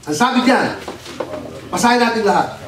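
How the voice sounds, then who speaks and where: A man preaching as pastor, telling a story in an animated way and mixing in English words. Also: sits high, normal speed, crowd noise. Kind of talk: sermon. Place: church hall. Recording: echoey hall, distant mic, noisy.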